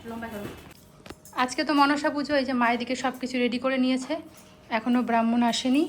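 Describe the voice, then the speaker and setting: Fast, high-voiced chatty young woman. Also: fairly even intonation, a little hiss or hum, poor audio. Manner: chatty, rambling. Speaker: vlogger and mother. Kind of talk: casual home vlog chat. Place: at home, indoors.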